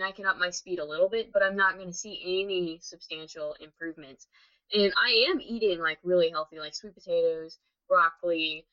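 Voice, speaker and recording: A woman's voice: lowish voice, pushed and bright. A woman co-hosting a podcast, chatting casually with lots of "like" fillers. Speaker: podcast co-host. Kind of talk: casual chat. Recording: dull lo-fi sound.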